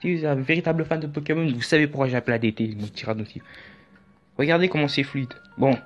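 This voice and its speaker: A man's voice: on the high side, quick pace. A man talking through a casual tutorial in a chatty, rambling way with jokey asides. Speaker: YouTube tutorial host. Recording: dull lo-fi audio with faint music.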